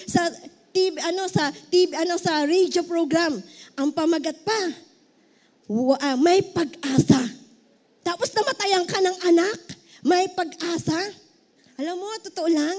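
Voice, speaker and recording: A woman's voice: very high-pitched, a little mellow. A middle-aged woman pastor with a Filipino accent preaching a heartfelt sermon, now and then breaking into song.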